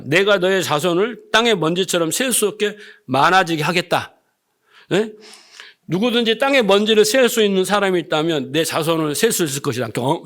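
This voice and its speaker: Male pastor, sermon, high voice, very animated pitch, asks the congregation questions, acts out quoted speech.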